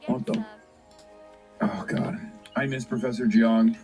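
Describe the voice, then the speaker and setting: A man's voice: medium pitch, sing-song, takes it slowly, warm tone, faint music behind, poor audio. A man streaming and reacting to news clips, talking sarcastically and in disbelief, often rambling.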